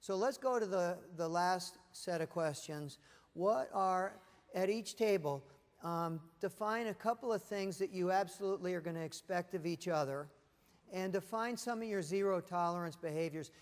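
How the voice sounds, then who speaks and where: A man giving a live motivational presentation to a leadership audience, telling stories with lively, acted-out voices. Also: high-pitched, normal speed, long reverb tail. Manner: animated storytelling, acting out voices. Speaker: motivational speaker. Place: conference room with leadership audience.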